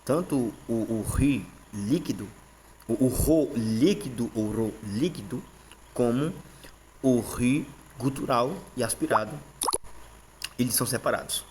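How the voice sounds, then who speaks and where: A man with a Brazilian Portuguese accent teaching a casual lesson. He often checks in with "tá?", repeats terms and pauses on fillers. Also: mid-range voice, darkish tone, slight background noise.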